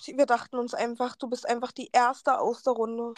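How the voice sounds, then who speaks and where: Woman, young adult, high-pitched, animated storyteller, dry close sound. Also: moderate pace, no room sound. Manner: animated storyteller, acts out quoted dialogue. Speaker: best friend and co-host. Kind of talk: casual chat.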